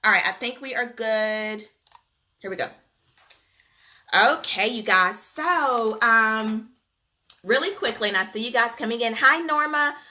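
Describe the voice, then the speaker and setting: A woman with a Southern US accent from the Gulf Coast hosts a casual livestream, chatting folksily with viewers she calls "you guys" and "y'all." She's a daycare business coach, and her fairly high voice has a sharp tone and a measured pace with frequent pauses.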